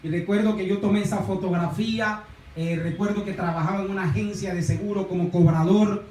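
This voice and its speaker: A middle-aged male pastor with a high voice preaches a sermon, often stalling and repeating words as he goes. He stands away from the microphone, and the hall rings with echo. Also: steady tone, fairly quick, darkish tone, a little hiss or hum. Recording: echoey room, voice from a distance.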